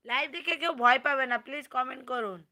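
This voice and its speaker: A woman streaming live, talking casually with mock self-pity and begging viewers to comment, her voice hoarse from crying. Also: high-pitched, fast talker, pushed and bright.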